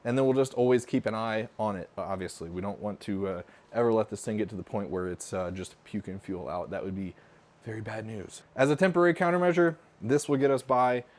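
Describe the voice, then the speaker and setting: A man's voice: on the low side, brisk. A man hosting a casual car repair vlog, chatty and upbeat, talking straight to his viewers. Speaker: car channel host.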